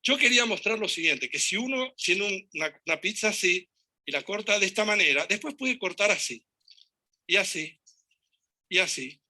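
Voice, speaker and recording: A man with a Rioplatense Spanish accent giving a talk to an audience, telling anecdotes in an animated way and acting out dialogue and gestures. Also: high voice, normal speed.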